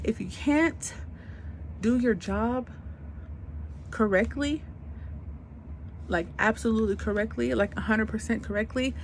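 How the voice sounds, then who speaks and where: A woman's voice: mid-range voice, a little hiss or hum. A woman in her twenties venting in an unscripted vlog rant, blunt and emphatic, repeating her points in casual slangy speech. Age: 20s. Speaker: vlogger.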